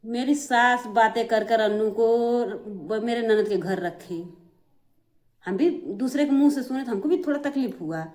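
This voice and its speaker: A middle-aged woman talks straight to her viewers in a fairly high voice. She is aggrieved and keeps circling back to the same complaints. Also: a little slow, darkish tone. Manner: aggrieved, repetitive, addresses viewers directly. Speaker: vlogger. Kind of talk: emotional family complaint to camera.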